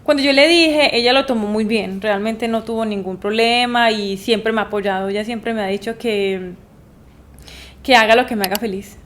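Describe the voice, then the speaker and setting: A young woman from Medellín with a Colombian accent, answering interview questions thoughtfully with frequent pauses and fillers. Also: a little high, a bit bright. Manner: thoughtful, many hesitations and fillers. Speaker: guest, dancer.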